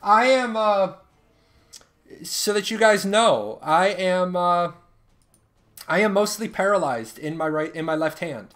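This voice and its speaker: Slow and punctuated by long pauses, a high-pitched, fairly bright voice belongs to a man in his thirties hosting a live stream. He jokes and banters with chat while running giveaways.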